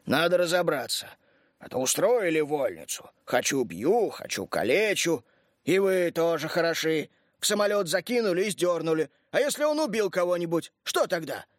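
A man reading an audiobook, voicing a stubborn, pompous army major who lectures slowly and stiffly. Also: on the high side, very animated, dry recording, clean studio sound.

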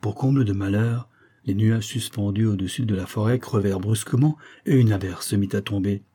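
Low, husky male audiobook narrator. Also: brisk, dark tone.

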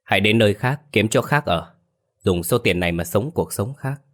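A weary young villager, stern and protective, gives curt, hushed orders, as a man reads him. The voice is deep and low, and it barely strays from the narrator's own. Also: expressive, normal speed.

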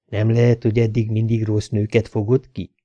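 A man's voice: lowish voice, level tone, mellow, dull audio, lightly acted. A man doing a drawling, flirty bar woman. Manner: slow, affected drawl.

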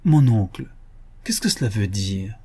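A man's voice: fairly low pitch, very animated, measured pace, mellow, slightly rough, exaggerated voice. A man reading aloud and voicing an anxious, tender young woman in a storybook, with urgent, pleading questions.

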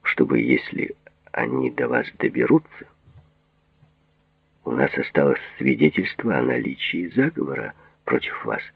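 A man voicing a calm, cautious male psychoanalyst who speaks in a measured, restrained way. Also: rumbling low, creaky, husky, dry recording, pitched below the performer's own voice, heavily acted. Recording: thin phone-like audio.

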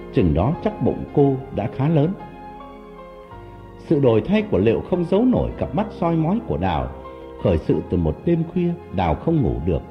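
A man narrating a story in an expressive, dramatic storytelling manner. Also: medium pitch. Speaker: audiobook narrator. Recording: dull lo-fi audio with background music.

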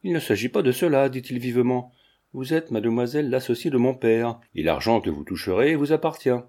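A man's voice: mid-range voice, expressive, brisk, mellow. A man reading the lines of an eager, devoted young man in an audiobook, in an earnest, formal way.

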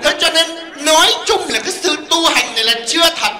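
Man, Buddhist monk, very high pitch, animated humorous dharma talk, echoey hall. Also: brisk, crowd noise. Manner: animated storytelling, mimicking laypeople. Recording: echoey hall with faint audience.

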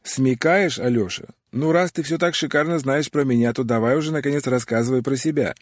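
A man voicing a cocky male spy who talks in a swaggering Odessa Russian accent, loud and jeering. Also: medium pitch, a little fast, no echo, clean studio sound, voice pushed up, close to an everyday voice.

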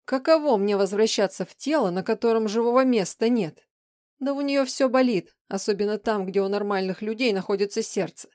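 A woman reads an audiobook, voicing the vicious, mocking alter ego of a volatile young woman, snarling furiously and hurling insults. Her natural mid-range voice is brisk and a little mellow, pitched above her own, in studio quality with no echo.

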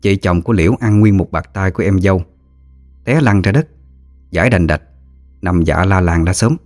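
A man with a Southern Vietnamese accent telling a story in a steady, plain way. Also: deep voice, normal speed, dry recording, clean studio sound, faint music behind. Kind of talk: storytelling narration.

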